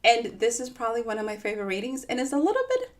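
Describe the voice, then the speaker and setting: Racing along in a slightly high, sing-song voice, a woman from the Dominican Republic runs a livestream storytime as an author. The talk is loose, chatty and full of playful bubbliness.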